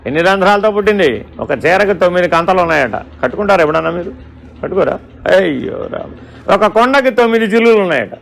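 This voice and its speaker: Male spiritual teacher, high-pitched and gravelly, questioning, storytelling discourse. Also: animated, fast talker. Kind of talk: Vedanta discourse.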